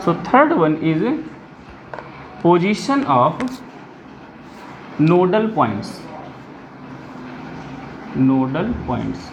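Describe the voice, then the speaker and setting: Here a derivation unfolds step by step as a physics teacher with a mid-range voice dictates formulas with care. The lecture moves between Hindi and English technical vocabulary and keeps asking whether things are clear. Sound quality is dull and lo-fi, echoing with slight background noise.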